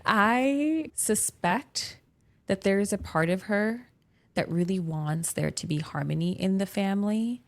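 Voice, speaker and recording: A woman hosting a therapy podcast, explaining things conversationally in a calm, affirming way with emphasis on key words. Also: medium pitch, moderate pace, gravelly.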